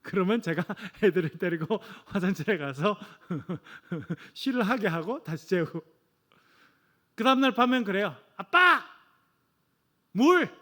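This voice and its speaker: A man's voice: sits high, expressive, measured pace, fairly bright tone. A man in his forties preaching a sermon to a church congregation, telling family stories and often addressing the listeners directly. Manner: storytelling with asides to the congregation; acts out quoted voices of his children. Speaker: pastor. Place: church sanctuary.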